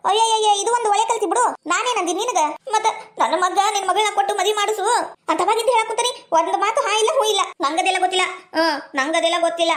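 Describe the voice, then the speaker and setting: A woman with a North Karnataka accent performing a village comedy skit, talking in rapid, chiding village banter. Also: very high-pitched. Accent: North Karnataka Kannada.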